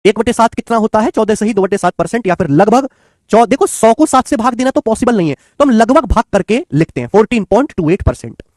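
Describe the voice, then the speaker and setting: A man's voice: sits high, expressive, brisk, darkish tone, no echo, clean studio sound. A man teaching math in an online exam-prep lecture, coaxing and repetitive, calling his students children and friends.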